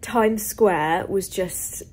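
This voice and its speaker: A woman's voice: medium pitch, very slow, darkish tone, breathy edge. A young woman from the UK chatting casually to camera in a travel vlog, full of ums and likes. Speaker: vlogger.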